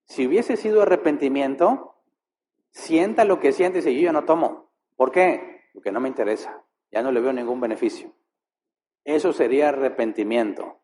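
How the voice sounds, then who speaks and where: A man preaching a sermon as pastor, posing rhetorical questions and shifting his pace and loudness for effect. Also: mid-range voice, normal speed, slight background noise.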